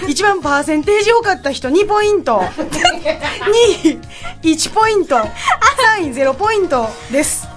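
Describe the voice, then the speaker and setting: A woman's voice: very high-pitched, expressive, normal speed, over music. A woman bantering and teasing in a giggly way. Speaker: co-presenter. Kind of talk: casual banter.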